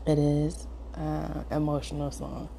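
Woman podcast host, casual intro, soft-spoken and brisk, grieving. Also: sits low, flat delivery, vocal fry, slight background noise. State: grieving, holding back tears.

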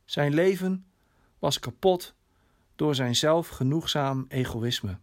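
A man reading a dramatic story in a slow, measured way, his voice sinking softly at line endings. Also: a little high. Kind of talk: scripted dramatic narration.

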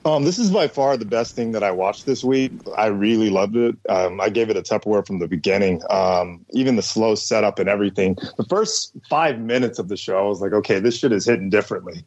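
A man chatting casually as a podcast panelist, excitable and swearing freely. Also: on the low side, fairly quick, few pauses. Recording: slightly dull audio.

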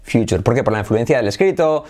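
A middle-aged man with a Spanish accent teaching English pronunciation in a video lesson, lively and repeating practice words. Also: mid-range voice, fast. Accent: Spain.

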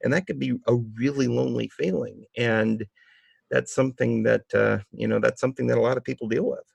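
Male podcast host, gravelly and husky, upbeat sign-off. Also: medium pitch, fairly even intonation, a little fast, no echo. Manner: warm, enthusiastic sign-off. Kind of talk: podcast interview and outro.

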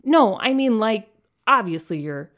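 A woman's voice: on the high side, animated, unhurried, fairly bright tone, voice pushed up. A woman voicing an awkward, doughy male coworker in his late thirties who stammers and pleads.

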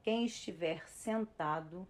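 A Brazilian woman calmly leading a guided breathing and relaxation exercise with unhurried pauses, as an instructor. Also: fairly low pitch. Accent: Brazilian Portuguese. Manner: slow, calm, instructing with pauses. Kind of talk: guided relaxation for expectant parents. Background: music.

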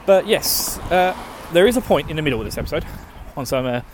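Essex guy w/ estuary accent, bit higher voice, lazy slurry diction, rambling sweary jokey chat, noisy outdoor phone recording. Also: animated, brisk. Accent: Essex, Estuary English. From Essex, England. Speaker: host of a gaming let's play show. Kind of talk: casual chat, rambling to listeners. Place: outdoors, walking, urban surroundings. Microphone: handheld phone.

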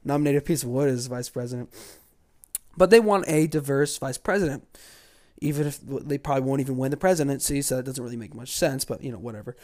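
Talking quickly in a mid-range voice, this Georgia man riffs on politics with casual sarcasm and mockery. As a political commentator, he swings between low muttering and sudden loud flare-ups.

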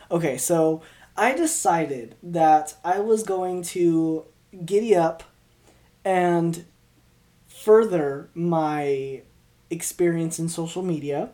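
On the low side and warm in tone, a woman's voice carries this solo podcast, hosted by a twenty-year-old in her 20s. She rambles in casual chat and stumbles over her words in an upbeat way. It's recorded with a podcast mic while also being filmed for video.

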